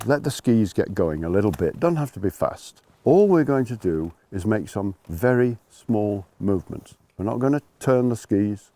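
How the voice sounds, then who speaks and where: A man with a lowish, mellow voice works as a ski instructor. He explains things to learners informally and emphatically, rephrasing and repeating his points.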